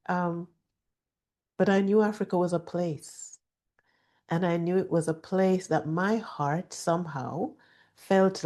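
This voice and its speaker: A middle-aged woman, speaking softly and gently with deliberate pauses, like a host guiding a calm reflection or telling a personal story. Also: lowish voice. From Jamaica. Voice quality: soft. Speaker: podcast host. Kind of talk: reflective personal storytelling with calming guided-meditation delivery.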